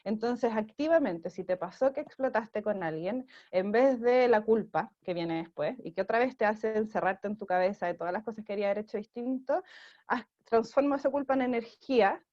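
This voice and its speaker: A Chilean woman with a fairly high voice talks through parenting advice in an interview, pausing on fillers and often checking in with "¿sí?". Her sound is dull and lo-fi, like a video call. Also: mellow. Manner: explanatory, frequent fillers and checking "¿sí?". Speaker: parenting program director.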